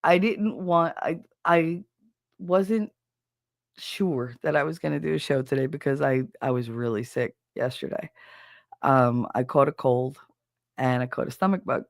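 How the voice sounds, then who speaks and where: A livestream host from New Jersey chats casually with a stuffy, gravelly voice, nasal from a cold, at medium pitch and a little slow. He rambles in a chatty, self-deprecating way and greets viewers in the chat. The recording is dry, with clean studio sound.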